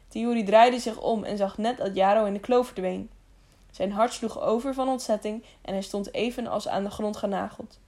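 A woman narrating an adventure audiobook in a steady storytelling voice. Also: medium pitch. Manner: even storytelling with small slips and restarts. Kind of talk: scripted narration.

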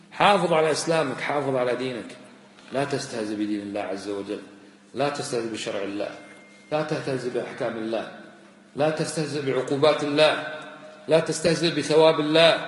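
Middle-aged preacher, brisk and scolding, recorded in a roomy hall. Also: male voice, medium pitch. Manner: admonishing, questions the listener directly; recites verses in a raised chanting voice. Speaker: sheikh teaching a creed text. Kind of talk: sermon-style lesson. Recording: echoey hall.

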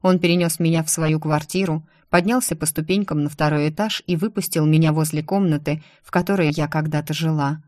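Low-voiced woman narrating an audiobook. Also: fairly even intonation, fairly quick, few pauses, darkish tone, dry recording, clean studio sound. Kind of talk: first-person audiobook narration.

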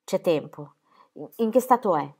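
A woman's voice: lowish voice, animated, normal speed, darkish tone, slightly rough. A woman voicing a small, furious elderly aunt who scolds with sarcasm. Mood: scornful.

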